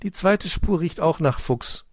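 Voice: mid-range voice, animated, unhurried, no room sound, clean studio sound, pitched above the performer's own voice. A man voicing a cheerful rabbit who teases his friends. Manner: cheerful, teasing.

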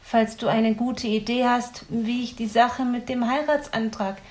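A woman's voice: on the high side, fairly even intonation, measured pace, lightly acted. A woman voicing a fretful, grumpy young man in training who grumbles and sulks. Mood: sulky, fretful. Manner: sulky, grumbling.

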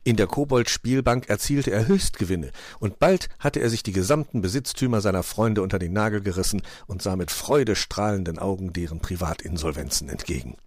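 A man calmly reading a storybook aloud as narrator. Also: lowish voice, brisk, few pauses, no room sound.

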